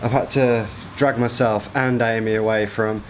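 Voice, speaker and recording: Brief: young male travel vlogger, lowish voice, relaxed chatty delivery, noisy background. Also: moderate pace. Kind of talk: casual vlog chat.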